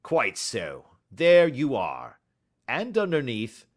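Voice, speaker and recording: A man voicing a belligerent, gruff poultry salesman who talks loud and combative in an audiobook story. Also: mid-range voice, huge pitch swings, slow pace, voice pushed up.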